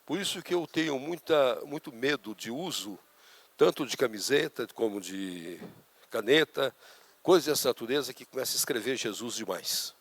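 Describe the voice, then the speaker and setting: A man preaching a sermon with a Brazilian Portuguese accent, a pastor who tells stories dramatically and turns loud and high when acting out scenes. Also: lively intonation, moderate pace, no room sound.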